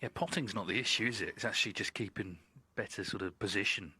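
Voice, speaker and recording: A man giving hushed live snooker commentary in a measured, reflective manner. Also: on the low side, breathy edge, no echo. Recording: live broadcast with audience behind. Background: snooker arena crowd.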